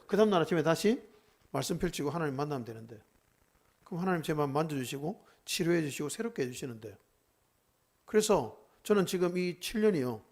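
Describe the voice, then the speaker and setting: A middle-aged man preaching a sermon as a pastor in a church, earnest and conversational, asking the congregation rhetorical questions. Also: fairly high pitch. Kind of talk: sermon at a seminar.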